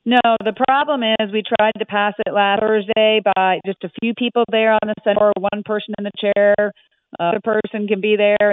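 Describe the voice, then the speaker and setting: A woman senator calling in to a radio talk show, speaking earnestly with many halting fillers over a cell phone line that keeps breaking up. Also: medium pitch, no room sound. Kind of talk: political call-in interview.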